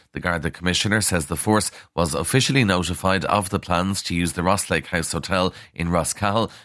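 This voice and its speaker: An Irish man reads a scripted news bulletin in a very low voice. The sound is dry and close, as in a radio studio. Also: a bit bright, no echo. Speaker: news reader.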